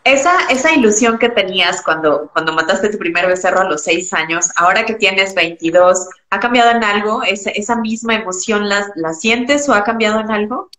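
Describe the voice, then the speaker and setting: A woman's voice: mid-range voice, lively intonation, normal speed, few pauses, bright, forceful tone, reverberant, low-quality recording. A woman hosting an interview, asking follow-up questions. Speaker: interview host. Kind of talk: casual interview.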